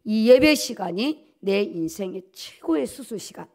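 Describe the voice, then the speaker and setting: A middle-aged woman pastor preaches a dawn-service sermon from the pulpit of a church auditorium, emphatic and repeating key words for stress. Her medium-pitched voice is expressive and darkish, at a measured pace. She's picked up by podium gooseneck microphones.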